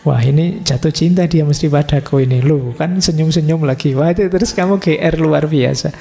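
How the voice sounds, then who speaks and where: A middle-aged man, giving a relaxed, conversational philosophy lecture full of everyday examples. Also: a little high, brisk, vocal fry. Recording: lecture hall reverb with faint music.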